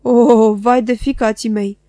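A woman's voice: mid-range voice, level tone, warm tone, no room sound, studio quality, close to an everyday voice. A woman doing a wailing old junk-dealer man. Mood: shouting. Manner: moaning singsong wail rising and falling.

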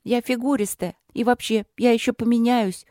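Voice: mid-range voice, steady tone, normal speed, darkish tone, no room sound, clean studio sound, voice pushed up, close to an everyday voice. A reader voicing a pushy, talkative young princess in an audiobook, eager and pleading. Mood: indignant. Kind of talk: audiobook character voice.

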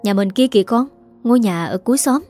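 A woman's voice: fairly high pitch, animated, brisk, warm tone, faint music behind, natural voice. A woman voicing a confident, protective middle-aged father in a narrated story, reassuring his family.

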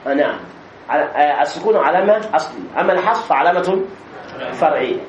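A man's voice: on the high side, expressive, fast talker, echoey room, muffled recording. A man teaching a classroom grammar lesson, explaining step by step and often checking that the students understand.

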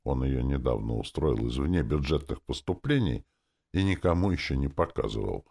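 Deep gravelly guy reading a story, wry, lively intonation. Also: normal speed. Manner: wry, sardonic. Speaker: audiobook narrator. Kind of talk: first-person story narration.

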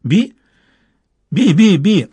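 A man puts on an uncanny little talking bird in an audiobook story, squeaking its words high and thin. It chirps short words and repeats them again and again. The voice has a husky edge. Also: sing-song, drawn-out words, warm tone, no echo, full character voice. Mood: eerie chirping. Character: eerie tiny talking bird, squeaky, repetitive.

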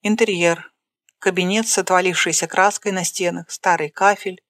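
A narrator reads screenplay stage directions in a plain, even manner. The voice sits at a middling pitch and is recorded close and dry, with no room sound. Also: normal speed, no room sound. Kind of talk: reading a screenplay aloud.

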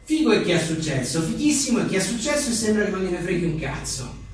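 This author is high-pitched and fast, his voice swinging widely in pitch as he reads comic aphorisms with wry, self-deprecating, chatty asides. He's at a book presentation in an echoing venue, recorded by a distant mic with faint noise and heavy echo.

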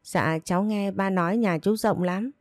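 A woman's voice: medium pitch, moderate pace, darkish tone, no room sound, studio quality, natural voice. A woman reading a curious shy young woman. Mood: eager.

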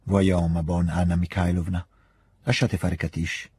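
A man reading aloud, voicing an old, imperious prince who speaks slowly and reproachfully. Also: deep voice, level tone, darkish tone, a little hiss or hum. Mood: stern. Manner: slow, stern, reproachful.

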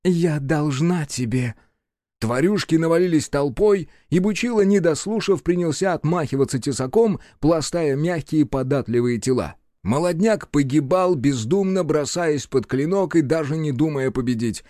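A man reading scripted narration for an audiobook in a lively, expressive way. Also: on the high side, normal speed, few pauses, no echo, studio quality.

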